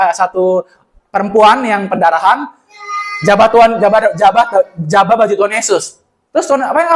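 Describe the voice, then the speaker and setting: Young guy giving a casual church talk, high voice, fast and animated. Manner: animated, acts out Bible scenes in slang. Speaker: church speaker. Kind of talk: casual sermon sharing.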